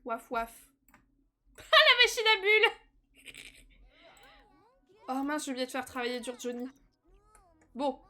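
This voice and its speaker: A young woman streams a life-simulation game live, chatting casually, laughing often and breaking into excited squeals. Her voice is high-pitched, and she speaks unhurriedly with long pauses.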